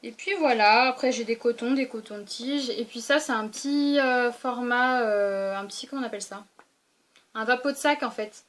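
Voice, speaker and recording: A woman's voice: fairly high pitch, moderate pace. A young woman casually showing her weekend travel toiletries in a vlog, chatty, with many fillers and restarts. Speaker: beauty vlogger. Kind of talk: casual show-and-tell vlog.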